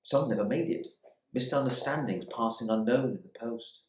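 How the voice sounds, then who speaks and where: With a medium-pitched, slightly mellow voice at normal speed, a man gives a lightly acted reading of a dramatic novel monologue in an echoey room with a little hiss or hum. He portrays a proud, resentful, embittered English RAF airman imprisoned in India, his clipped, brooding phrases ashamed and reflective.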